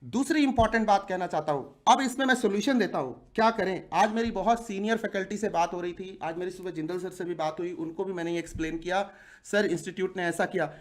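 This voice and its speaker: Speaking quickly in a high voice, this man in his forties, who coaches students for exams, addresses his video audience with fervor. He's plainly outraged, and his speech is packed with rhetorical questions.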